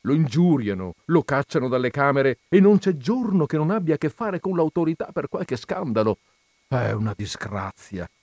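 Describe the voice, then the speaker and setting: A man's voice: a little high, very animated, normal speed, darkish tone, dry recording. A man doing a fretful, deferential landlord. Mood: plaintive. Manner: plaintive, complaining, deferential. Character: harried, deferential landlord, middle-aged man.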